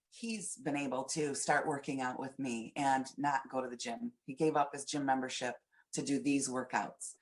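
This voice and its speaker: A woman fitness coach giving an earnest, personal webinar testimonial from home over a webcam, with frequent fillers. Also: a bass voice. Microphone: webcam on a video call.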